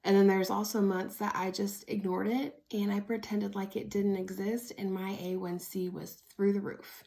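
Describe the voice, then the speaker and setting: Speaking at a moderate pace in a warm, medium-pitched voice with vocal fry, this woman keeps a level tone. She's an American-accented vlogger from Oklahoma, early thirties, sharing a personal story candidly and chattily.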